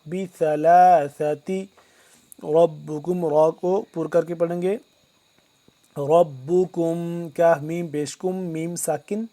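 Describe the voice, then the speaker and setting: A man teaching Quran recitation word by word, switching between slow, drawn-out recitation and quick explanations. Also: fairly high pitch, steady tone, dark tone.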